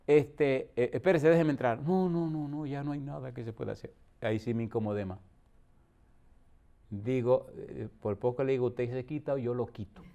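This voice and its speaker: A man's voice: on the high side, darkish tone. A middle-aged male pastor from the Dominican Republic, preaching a storytelling sermon with rhetorical questions and acted-out dialogue.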